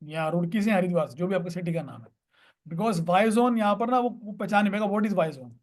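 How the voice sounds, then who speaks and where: A man's voice: sits high, a little fast. A man working as a coach, walking through sales-call steps in an instructive manner, mixing Hindi and English phrases. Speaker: payment recovery coach. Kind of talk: coaching lesson on sales calls.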